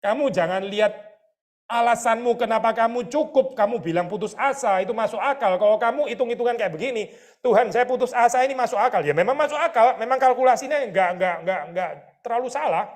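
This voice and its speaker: A man preaching a lively, conversational sermon as pastor, often asking his listeners rhetorical questions. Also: very high voice, fast. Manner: mixes English words into his talk.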